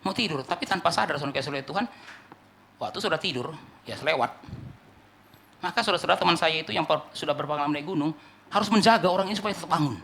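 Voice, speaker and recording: A male pastor preaching a sermon emphatically, rising to loud climaxes and dropping to low asides. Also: very fast, gravelly, pauses often, slight background noise. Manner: repeats "saudara yang dikasihi oleh Tuhan" as a refrain.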